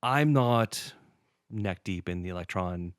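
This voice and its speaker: A man co-hosting a music gear podcast in casual chat, relaxed and rambling, often laughing. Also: low voice, slow pace, clear, resonant tone, no echo, studio quality. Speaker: podcast co-host.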